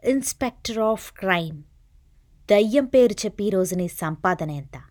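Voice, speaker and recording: A woman voicing a stern male crime inspector who speaks loudly and presses hard with questions and warnings. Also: fairly high pitch, animated, measured pace, pitched above the performer's own voice. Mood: demanding. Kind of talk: audiobook character reading.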